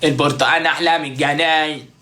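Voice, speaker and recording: Quick, joking Egyptian man. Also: a little high, fairly even intonation, pushed and bright, faint music behind. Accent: Egyptian Arabic. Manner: joking, playful, mimics street vendors. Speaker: content creator. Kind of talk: comic casual monologue.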